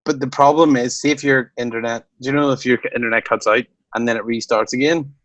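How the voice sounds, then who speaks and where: A man's voice: medium pitch, fairly even intonation, fast talker, a bit bright, no room sound. A man chats as a podcast co-host in a medium voice, recorded dry and close. He rambles, restarts his sentences and laughs often. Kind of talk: casual chat.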